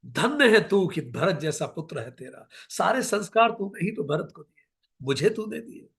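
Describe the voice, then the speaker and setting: A man voicing a gentle divine prince who softly reassures his stepmother. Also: sits high, sing-song, normal speed, creaky, exaggerated voice. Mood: tender.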